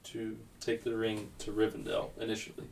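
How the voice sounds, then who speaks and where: A man's voice: on the low side, monotone, normal speed, darkish tone. A man chatting as a podcast guest, enthusiastic and rambling, often searching for the right word. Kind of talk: casual chat. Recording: distant mic, faint background noise.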